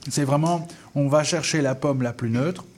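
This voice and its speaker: A man's voice: on the high side, moderate pace, crowd noise. A man co-hosting a radio tasting show, chatty and enthusiastic. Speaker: radio co-host. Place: radio studio.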